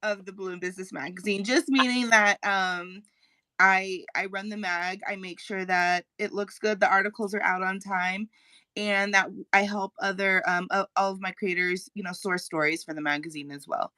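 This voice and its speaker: A woman's voice: mid-range voice, steady tone, normal speed, pushed and bright, no echo. A woman from Colorado, a guest being interviewed about her magazine over a video call, bubbly and giggly.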